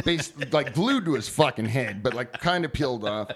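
Casting: man, casual storyteller, lively pitch swings, crude and rambling, does quick voices. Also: breathy edge. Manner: profane, rambling, acts out voices in his story.

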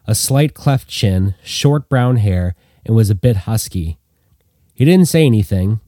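A man reading a story aloud in a steady, unhurried manner. His voice is low and mellow, and the recording is dry and close with no room sound. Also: no room sound. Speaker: narrator.

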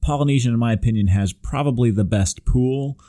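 A man's voice: medium pitch, brisk, dark tone. A man co-hosting a podcast in casual, enthusiastic chat, laughing easily. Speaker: podcast co-host.

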